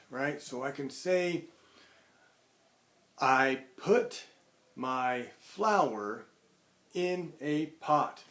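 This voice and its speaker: A man teaching a writing lesson to young children, explaining things simply and deliberately. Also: mid-range voice. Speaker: primary school teacher. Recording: echoey room.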